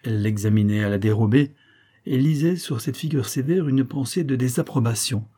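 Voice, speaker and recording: A man narrating a novel as an audiobook in a measured, even reading manner. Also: mid-range voice.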